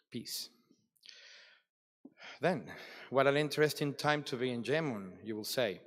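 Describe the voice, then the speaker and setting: A man giving a formal, reflective address at a conference closing ceremony, with deliberate dramatic pauses. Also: medium pitch. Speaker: ceremony speaker. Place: large hall at a ceremony. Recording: long reverb of a large hall.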